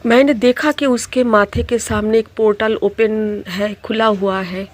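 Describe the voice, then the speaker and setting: Slow, halting middle-aged woman. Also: medium pitch, fairly even intonation. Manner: slow, halting telling with many restarts, mixing English words into Hindi. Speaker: tarot reader. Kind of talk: personal storytelling.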